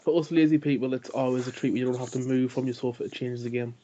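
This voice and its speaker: A man's voice: medium pitch, fairly even intonation, fast talker, dark tone. A man co-hosting a podcast in jokey, teasing casual chat. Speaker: podcast co-host. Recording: dull lo-fi sound.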